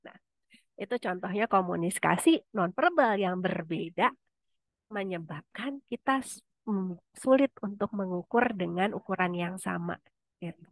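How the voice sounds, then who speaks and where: A woman's voice: medium pitch, expressive, measured pace, dry recording. A woman lecturer leading an online class discussion in a conversational way, often asking her students questions.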